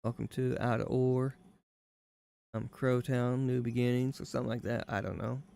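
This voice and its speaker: Gravelly rambling man streaming. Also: mid-range voice, fairly even intonation, normal speed, a little mellow. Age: 30s. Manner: rambling, folksy, drifting mid-sentence. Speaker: live-stream gaming host. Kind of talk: rambling live-stream commentary.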